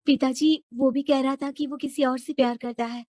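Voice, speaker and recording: Woman as young rich daughter in a story: stubborn, emotional, insistent, high voice, dry sound. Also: steady tone, moderate pace, dark tone, no echo. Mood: earnest. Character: headstrong young rich daughter, sincere and lovelorn.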